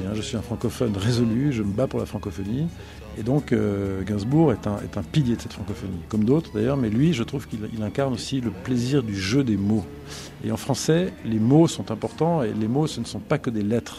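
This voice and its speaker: On the radio, a middle-aged broadcasting executive appears as a guest and reflects on songs he loves. His mid-range voice has some vocal fry, and he is thoughtful, often pausing, restarting, and searching for the right words.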